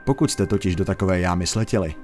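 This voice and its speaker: A young man with a lowish voice, tired and worn out, narrates scary stories in a hushed, low-key reading. Faint music plays behind him. He keeps it soft and unhurried, close to ASMR. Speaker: storyteller.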